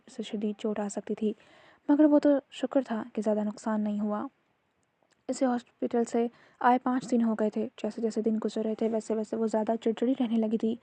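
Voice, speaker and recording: A woman narrating a serialized novel in a steady, even reading voice. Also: fairly high pitch, dry recording.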